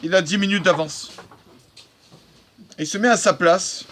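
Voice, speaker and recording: Rabbi, male, fairly high voice; halting storyteller who restarts phrases and drops in Hebrew terms. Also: a bit bright, slight background noise. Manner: halting, repeats and restarts words while telling; mixes in Hebrew religious terms. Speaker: rabbi giving a daily talk. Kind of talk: storytelling talk to a congregation.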